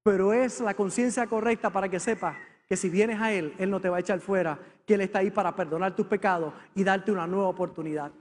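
A man preaching a sermon to his congregation, swinging from fervent appeals to a low, intimate tone. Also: steady tone, quick pace. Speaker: pastor. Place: church sanctuary with congregation. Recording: long hall reverb.

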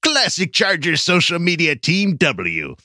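Lively high-voiced male sports fan. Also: measured pace, no echo, clean studio sound. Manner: animated, playful sports fan. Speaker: listener sending a voice message. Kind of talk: read-out fan voice message.

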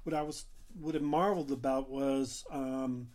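A man hosting a casual interview for a film festival, speaking haltingly with many fillers. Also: mid-range voice, fairly even intonation, a little mellow.

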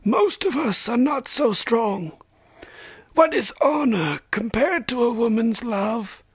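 A man voicing a frail, wise, hundred-year-old maester from a fantasy novel, solemn and sorrowful, with a thin, breathy voice and slow delivery. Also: extremely high pitch, lively intonation, no echo, voice pushed up, exaggerated voice. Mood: wistful, sorrowful. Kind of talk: audiobook-style character reading from a fantasy novel.

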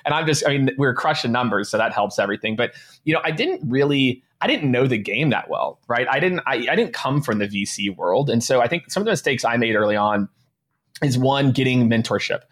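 A man's voice: mid-range voice, expressive, a little fast, a bit bright. A man in his late thirties, a guest and sales leader, talking casually and upbeat in an interview with many restarts. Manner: casual and upbeat, heavy use of "you know" and restarts.

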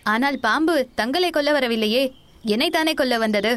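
A young male traveler, curious and playfully mocking, his voice lifted high with surprise and questions, as a woman narrator puts him on. He teases his companion yet startles easily. A storybook voice pitched above the narrator's own. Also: moderate pace, fairly bright tone. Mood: teasing. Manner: mocking, inquisitive.

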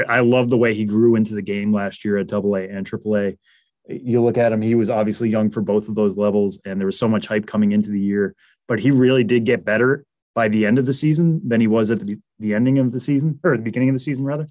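A man's voice: lowish voice, no room sound. A man with a Massachusetts accent, analyzing baseball prospects in a casual interview, chatty with lots of fillers and restarts.

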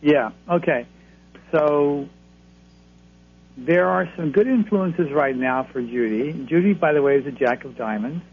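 A man with a gravelly voice giving conversational advice to callers as a guest reader on a radio show. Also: a little high, unhurried. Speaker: card-reading astrologer, radio guest. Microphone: telephone. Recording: thin phone line, humming noise.

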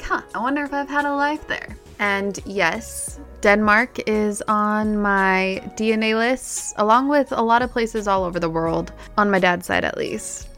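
A woman with a mid-range, fairly bright voice hosts a podcast, delivering a reflective self-help monologue. She speaks directly to the listener in an encouraging way.

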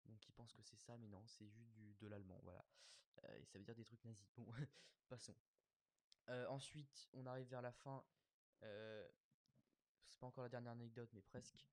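A man's voice: medium pitch, fairly even intonation, normal speed, long pauses, no echo. A young man hosting a casual commentary show, talking hesitantly with lots of fillers and self-mocking asides. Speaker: host of an episode-breakdown show.

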